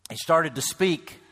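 A man preaching a sermon to a congregation, swinging between loud calls and near-whispered lines. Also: fairly high pitch. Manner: builds to loud shouts, then drops to a hush. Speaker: pastor. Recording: reverberant hall.

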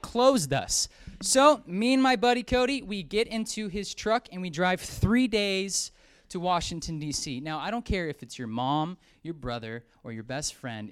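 A male preacher tells a story in his sermon, animated and acting out the voices. His voice sits fairly high. It rises and falls with expressive swings. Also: clear, resonant tone.

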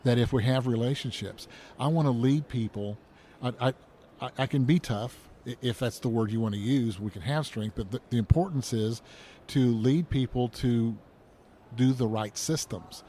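Male author guest, earnest and repetitive, mid-pitched voice, faint hiss behind. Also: warm tone. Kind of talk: radio interview.

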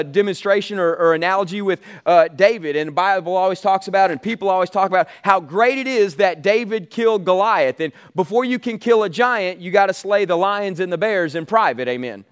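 A man's voice: high-pitched, brisk, few pauses, clear, resonant tone. An American man preaching as a pastor, urging his listeners on and repeating key phrases for emphasis. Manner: exhortative, calls on listeners to say amen. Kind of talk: sermon.

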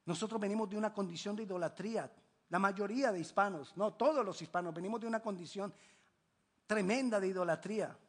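A man preaching. He swings from ringing exclamations to hushed, low asides. He drives his points home with repeated rhetorical questions. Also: a little fast, breathy edge. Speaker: pastor. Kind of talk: sermon.

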